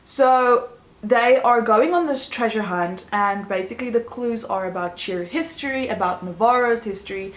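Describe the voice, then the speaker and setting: A woman's voice: fairly high pitch, normal speed. Chatty woman reviewing a show, roomy sound. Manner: chatty, sarcastic asides. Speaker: TV review vlogger. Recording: roomy echo.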